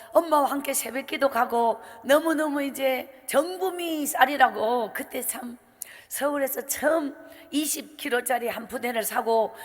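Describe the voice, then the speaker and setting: A middle-aged woman evangelist with a Gyeongsang accent gives a revival sermon testimony, telling her story in a lively, animated way and acting out the dialogue. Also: a little high. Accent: Gyeongsang Korean. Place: church sanctuary. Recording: church hall with long reverb.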